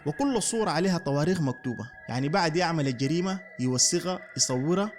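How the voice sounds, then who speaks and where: A man's voice: on the high side, animated, fast talker, soft background music. A man narrating a first-person horror story in a dramatic way.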